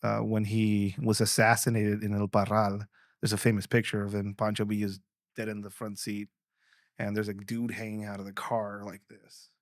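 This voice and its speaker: Low-voiced rambling podcast host, a man. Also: completely flat delivery, normal speed, no echo, studio quality. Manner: rambling, frequent restarts, swears freely. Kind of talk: casual conversation.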